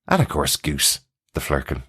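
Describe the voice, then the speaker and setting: Extremely low in pitch yet a bit bright, this man's voice has a sing-song lilt, a breathy edge, and a moderate pace. As a podcast host, he talks casually in a TV review chat, sharing his views and going over what listeners wrote in.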